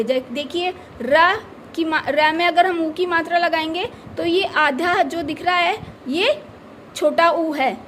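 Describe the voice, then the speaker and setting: A woman teacher with a very high-pitched voice patiently walks children through a grammar lesson, repeating key words and posing questions she then answers herself. There's slight background noise.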